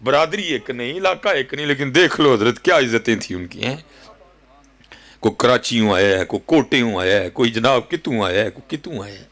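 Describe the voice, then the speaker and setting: A man in his thirties with a Punjabi accent, preaching a sermon with fervent rhetorical questions, sudden leaps in pitch and frequent address to his listeners. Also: lively intonation, fairly bright tone. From Pakistan. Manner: keeps addressing listeners as "hazrat ji". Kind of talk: Urdu sermon.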